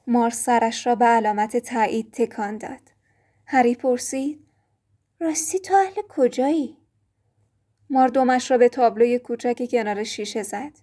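A woman narrating a children's fantasy audiobook in a calm, measured storytelling manner. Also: fairly high pitch.

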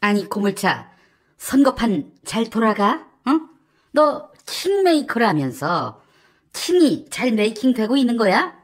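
A woman plays a sharp-tongued needler in a satirical comedy sketch, firing off scornful jabs and curses. Her fairly high voice rises and falls in a lively sing-song as she nags. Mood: mocking. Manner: scornful, swearing, rapid-fire nagging. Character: sharp-tongued woman mocking an old political fixer.

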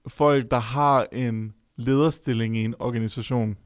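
A man's voice: medium pitch, fairly even intonation, no echo, clean studio sound. A young man chatting casually on a podcast, hesitant and full of filler sounds.

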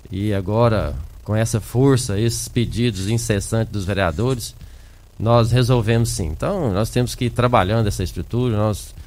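A male local politician speaks in a radio interview. His voice is fairly low, and he often checks in with short tag questions. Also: a little mellow. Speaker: politician, city council president being interviewed. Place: radio studio.

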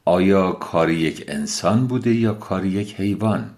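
A man's voice: low-pitched, lively intonation, darkish tone. A man voicing an innocent young male traveler in a storybook tale, pleading and apologetic.

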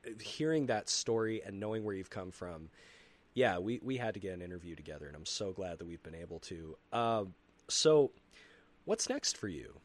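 A man hosting a casual interview, laid-back and chuckling, with a slightly rough morning-after voice and halting restarts. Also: low voice, animated. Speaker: interview host.

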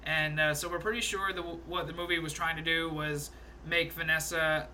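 A young man co-hosting a podcast, casually recounting movie scenes in an animated way, laughing and swearing now and then. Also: on the high side, normal speed, a little hiss or hum. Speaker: podcast co-host. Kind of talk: casual movie review chat.

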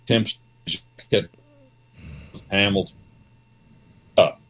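A man speaking somewhat low, rambling and repeating himself with emphasis. His voice comes through an internet call line that keeps clipping and breaking up into distortion. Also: fairly even intonation, slow, a bit bright, soft background music. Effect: clipping, distorted internet call connection. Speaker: guest on a call-in talk show. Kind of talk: casual opinionated talk.

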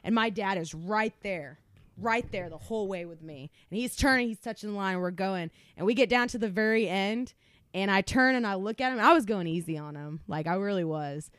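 A woman co-hosting a casual chat, telling a lively story with frequent swearing and laughter. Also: medium pitch, brisk, dry recording. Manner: animated storyteller, swears freely, laughs often. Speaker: podcast co-host.

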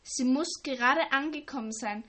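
A woman reading the part of an excited, gossipy teenage schoolgirl in a storybook. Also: high voice, normal speed.

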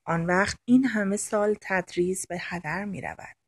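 A woman reading as a gentle old scholar. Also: medium pitch, slightly rough, dry recording. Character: revered older male scholar and teacher, gentle. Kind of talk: audiobook narration.

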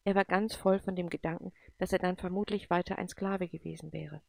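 A woman reading a story aloud in a calm, even manner, doing voices for the characters. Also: on the low side, fairly quick, vocal fry, no room sound.

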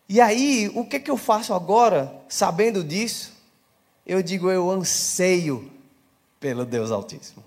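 A male pastor giving a live church sermon, talking conversationally, asking the congregation questions and building to emphatic preaching. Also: high voice. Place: church service.

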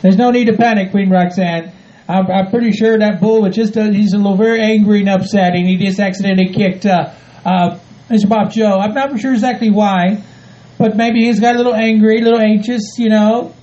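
A woman voices a formal male servant who keeps reassuring everyone in a stiff, soothing way. Her natural, warm voice is medium-pitched with fairly even intonation and a slightly fast pace. The audio is dull and lo-fi.

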